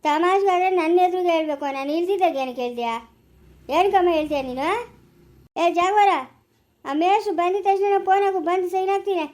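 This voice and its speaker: A quarrelsome village man full of indignation, played by a woman, scolding and ranting in a rural Chikkaballapura Kannada accent. The voice sits very high. Lines come in repeated, defensive bursts, like a family skit. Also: fast, a little mellow. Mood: indignant.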